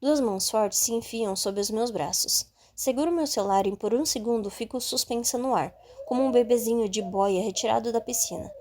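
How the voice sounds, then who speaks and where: A woman reading a first-person audiobook in a calm, steady way. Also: a little high, normal speed, few pauses. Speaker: audiobook narrator.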